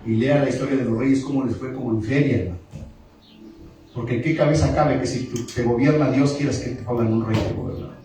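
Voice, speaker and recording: A man's voice: mid-range voice, fairly quick, vocal fry, mellow, slight background noise. A man preaching a sermon as pastor, with emphatic call-and-response delivery. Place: church sanctuary. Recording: echoey church hall from a distant mic, music behind.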